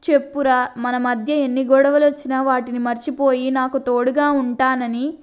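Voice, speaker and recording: Brief: woman narrator as a loving young wife, soft and pleading, high smooth voice, slightly dull recording. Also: little pitch movement, moderate pace, natural voice. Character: young loving wife, sulking but devoted.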